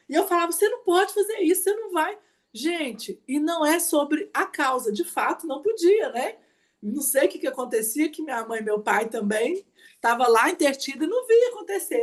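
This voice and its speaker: Teaching an online class as a mentor, a lively, high-voiced woman mixes instruction with personal stories. She's chatty and animated, often turning to her audience with "né, gente?"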